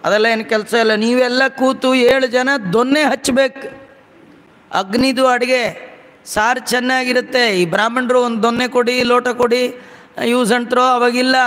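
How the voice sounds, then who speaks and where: Brief: high-pitched male religious storyteller, lively and chanting, recorded in a reverberant hall. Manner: animated storytelling, chants Sanskrit verses. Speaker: religious discourse speaker. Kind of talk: devotional storytelling discourse.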